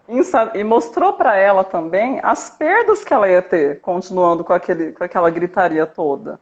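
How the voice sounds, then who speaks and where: A woman family coach calmly explaining parenting in a live video chat, checking in often with her listener. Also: fairly low pitch, moderate pace. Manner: calm, didactic, checks in with "tá?". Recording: dull lo-fi live stream audio.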